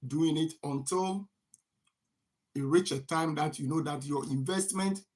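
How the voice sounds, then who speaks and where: In a somewhat high, slightly mellow voice and at a slightly slow pace, a man from Ghana who hosts a farming channel gives a motivational finance talk to camera. He repeats himself a great deal and keeps asking "what?" before answering his own question.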